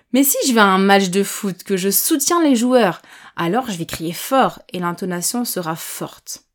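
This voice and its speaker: A woman teaching a vocabulary lesson, slowly and distinctly explaining each word with everyday examples. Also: medium pitch. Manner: patient, clear explanations with examples; speaks slowly and distinctly on purpose. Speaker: French language teacher.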